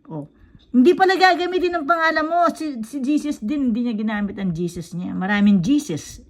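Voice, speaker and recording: Storyteller: woman, somewhat high voice, chatty quizzing tone with a child. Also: fairly quick. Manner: quizzing, checks in with "tama?" after each point. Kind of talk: casual storytelling in mixed Tagalog and English.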